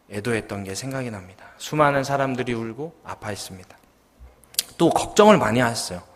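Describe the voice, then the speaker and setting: A man's voice: mid-range voice, fairly bright tone. A man in his thirties, a junior pastor preaching a sermon, telling a story and asking the congregation questions. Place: church sanctuary. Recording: long church hall reverb.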